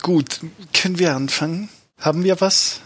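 A man hosting a comedic panel show, questioning the guest in a brisk, mock-strict way. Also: sits high, husky, dry recording. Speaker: host.

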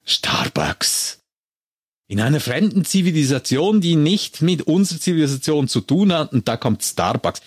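A man's voice: fairly high pitch, expressive, brisk, few pauses, darkish tone, breathy edge, dry recording, clean studio sound. A man casually retelling a film scene by scene in a chat. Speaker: podcast co-host retelling a film.

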